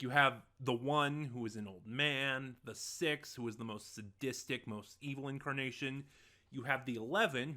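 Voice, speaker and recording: Speaking with a medium pitch and a sharp edge, this host reviews audio dramas online in an offhand, unplanned way. He wanders, hesitates, and keeps revising what he just said.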